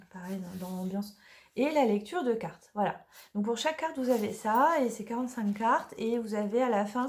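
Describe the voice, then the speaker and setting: A woman casually presenting her oracle deck, chatty and hesitant with many fillers, slightly hoarse from allergies. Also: mid-range voice, a little mellow. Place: dim room in the evening.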